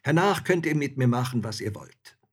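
A man's voice: medium pitch, expressive, moderate pace, husky, voice pushed up. A man voicing a bold, hungry, cheeky soldier in a storybook reading, talking in a boisterous, swaggering way.

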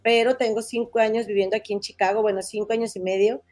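A woman's voice: on the high side, steady tone, quick pace, a little mellow. A woman from Monterrey with a northern Mexican accent, hosting a casual gossip podcast in a chatty, folksy way. She sounds nasal and stuffy from a head cold. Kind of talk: casual chat.

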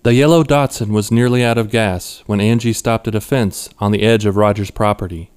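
A man reading his own short story aloud in a measured, even storytelling manner. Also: lowish voice, clean tone. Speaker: author narrating his story. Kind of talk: scripted narration.

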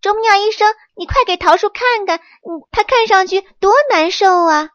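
A woman voicing a lively, excitable young male monkey in a children's storybook, with a high, quick and eager voice. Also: no room sound, muffled recording. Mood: urgent. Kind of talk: storybook character voice.

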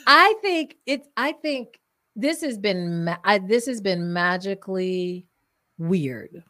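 A woman in her fifties hosting a conversational interview, candid and animated, often laughing as she talks. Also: mid-range voice, slow, no room sound, studio quality. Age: 50s. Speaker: podcast host and wellness coach.

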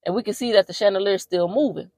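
A woman podcast host giving a casual movie recap, telling it in an animated, slangy way with plenty of profanity. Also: mid-range voice, quick pace, dry recording.

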